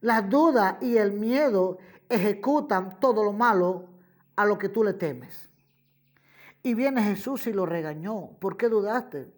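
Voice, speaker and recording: A woman preaching a sermon, slow and emphatic, repeating key phrases and addressing her listeners as brother and friend listener. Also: mid-range voice. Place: radio program.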